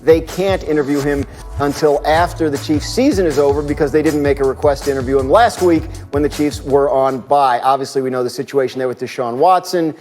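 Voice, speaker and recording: A man's voice: a little high, a little fast, a little mellow, soft background music. A man reporting in a conversational, explanatory way on live sports talk, with an alarm beeping behind him. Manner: conversational, explanatory with tag questions.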